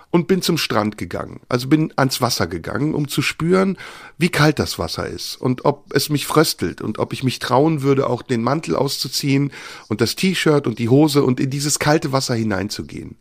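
A man telling a listener a personal story, reflective and unhurried, often pausing with fillers. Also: mid-range voice, big pitch swings, vocal fry, no room sound, studio quality.

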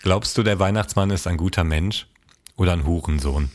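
A man's voice: sits low, fairly quick. A man co-hosting a comedy podcast in casual chat, with dry, teasing questions.

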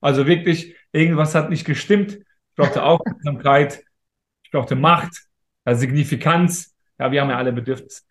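Interview guest, man in his thirties, slightly higher voice, emphatic motivational talk, echoey room. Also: moderate pace. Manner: emphatic, motivational, talks straight to listeners. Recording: roomy echo.

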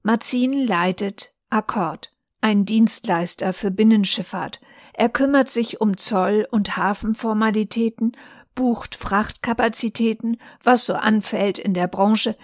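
A woman reads a newspaper reportage aloud at a calm, measured pace. Her voice sits at an ordinary middle pitch. The recording is close and dry, with no room sound. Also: dry recording. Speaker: volunteer reader.

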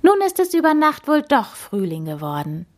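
A woman voicing an eager young female hotel keeper in a storybook reading, with a bright, lively voice. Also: on the low side, moderate pace.

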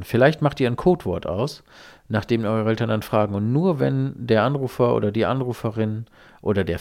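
A man's voice: lowish voice, vocal fry, a little mellow. A man hosting a solo podcast, talking casually and rambling, with offhand swearing. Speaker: podcast host.

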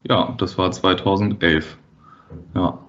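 A man from the Hamburg area in his thirties, a freight dispatcher answering interview questions casually, hesitant with many fillers and quick to laugh. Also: sits low, fairly even intonation, a bit bright, dull audio. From Hamburg area, Germany.

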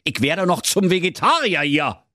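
A man's voice: a little high, very animated, normal speed, pushed and bright, no echo, studio quality, voice pushed up. A man voicing a hungry big bad wolf who grumbles and complains. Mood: grumbling.

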